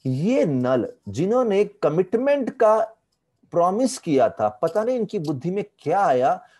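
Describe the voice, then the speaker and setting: A man telling a devotional story as a spiritual teacher, animated, with English phrases mixed in, speaking on an online video call. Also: high-pitched, unhurried.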